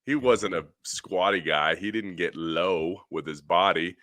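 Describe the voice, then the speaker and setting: A middle-aged man with a low, bright, forceful voice talks through a baseball swing in an animated, rambling way. He is recorded on a dry, close mic for a podcast. It sounds like casual studio chat. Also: measured pace, dry recording. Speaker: podcast co-host, hitting coach.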